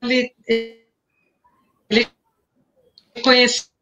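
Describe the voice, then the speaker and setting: A woman talking casually on a video call whose sound keeps stuttering and breaking up from a buffering connection. Her words come out halting, some cut short and others dragged out by the lag. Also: on the high side, completely flat delivery, bright, forceful tone. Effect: choppy, stuttering sound from a buffering internet connection. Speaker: participant in an online group meeting. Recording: dull, lo-fi video call audio.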